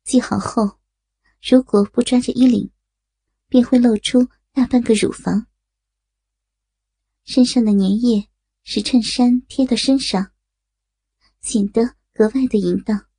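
Slow, husky woman narrator. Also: on the high side, fairly even intonation, warm tone, no room sound. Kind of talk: erotic audio story reading.

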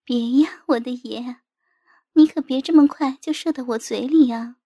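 A woman's voice: high voice, moderate pace, dark tone, slightly rough, no echo, studio quality. A woman doing a coy, cooing young woman. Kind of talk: storybook character voice.

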